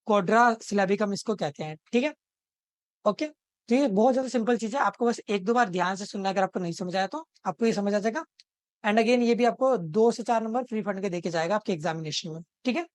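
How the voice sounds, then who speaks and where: A man's voice: high voice, dry recording, studio quality. A man teaching an exam-prep video lesson, explaining step by step and checking in with the viewer after almost every phrase. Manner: explains step by step and repeats words slowly, breaking them into parts. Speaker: tutor.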